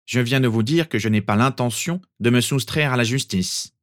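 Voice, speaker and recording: A man performs a cold, stern male professor who talks stiffly and curtly, pitching his mid-range voice above his natural one while still sounding natural. He speaks at a moderate pace in a clean studio recording with no room sound.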